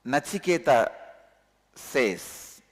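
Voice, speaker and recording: The long reverb of a large satsang hall surrounds a Tamil-accented man teaching a spiritual discourse. His mid-range voice is sing-song, with drawn-out words, and he earnestly repeats key words for emphasis.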